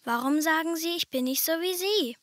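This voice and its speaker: A woman's voice: very high-pitched, normal speed, pitched above the performer's own voice. A woman voicing a small, sad otter cub boy. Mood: sad, wondering. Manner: soft, questioning, childlike.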